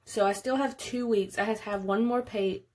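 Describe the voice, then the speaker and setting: In a casual narrated budget walkthrough, a budgeting vlogger in her late twenties chats and thinks aloud. She speaks at a moderate pace in a steady, mid-range voice that is a little mellow.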